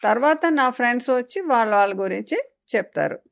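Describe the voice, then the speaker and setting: Rich: A woman putting on a talking eggplant from a children's storybook, a cheerful know-it-all who explains things to a small child. It talks in a lively, playful, lecturing way, slightly higher than an everyday voice, and loud and bright. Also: brisk, vocal fry. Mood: chatty, teaching.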